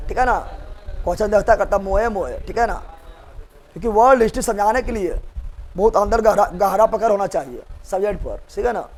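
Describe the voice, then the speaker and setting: A man with a Bihari accent teaching a live exam-prep history class, animated, often repeating questions and acting out quotes in rustic dialect. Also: high-pitched. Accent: Bihari Hindi.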